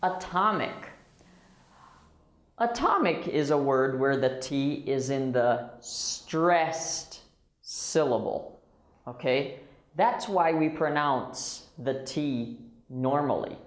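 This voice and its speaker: A man leads a pronunciation drill at a very slow, deliberate pace. He repeats single words and breaks them apart patiently. His voice is mid-pitched and rings in an echoey room. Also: animated. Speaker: English pronunciation teacher.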